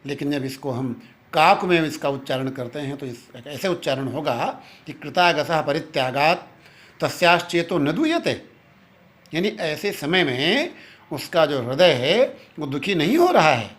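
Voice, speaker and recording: A male Sanskrit literature teacher giving a classroom lecture, explaining step by step and chanting verses slowly, with pauses mid-sentence. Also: a little high, big pitch swings, a bit bright. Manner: many fillers and restarts, pauses mid-sentence.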